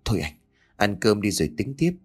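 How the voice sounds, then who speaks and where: A man's voice: lowish voice, big pitch swings, a little fast, husky, faint music behind. A man doing a worried village wife. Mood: soothing. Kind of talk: audiobook character voice.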